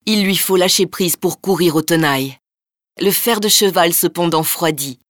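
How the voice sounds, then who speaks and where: A woman narrates an old folk tale in a lively, rhythmic storytelling manner. Her voice sits on the low side for a woman. The recording is close and dry. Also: normal speed, no echo.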